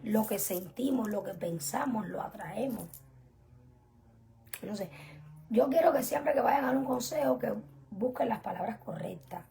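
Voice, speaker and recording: A young woman teaching an online religious class, earnest and emphatic, often dropping to soft whispered asides. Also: a little high, lively intonation, unhurried, creaky, pauses often. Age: young adult. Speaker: spiritual teacher.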